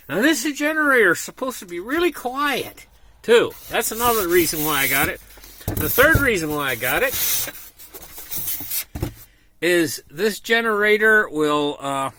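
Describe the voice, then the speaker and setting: A man with a fairly high, very lively voice talks off the cuff inside a small camper trailer. He walks through a product casually, in a folksy, repetitive way. His tone rises and falls freely as he presents. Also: a little hiss or hum. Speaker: vlogger presenting a product unboxing. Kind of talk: casual unscripted product walkthrough.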